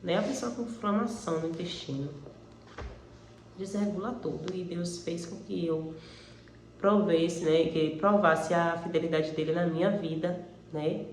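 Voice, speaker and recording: A Brazilian woman shares a personal faith testimony in an earnest, chatty way, talking straight to fellow believers. Her voice is mellow and warm. The recording sounds roomy and echoey, with a faint hum behind her. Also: on the low side, normal speed. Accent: Brazilian Portuguese. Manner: earnest, conversational, addresses listeners as brethren.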